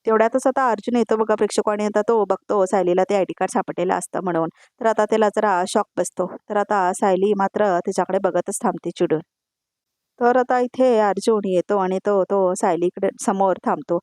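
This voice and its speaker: A woman's voice: mid-range voice, brisk, darkish tone, no echo, clean studio sound. Chatty woman recapping a TV serial. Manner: chatty, addresses viewers directly. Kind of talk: voice-over episode recap.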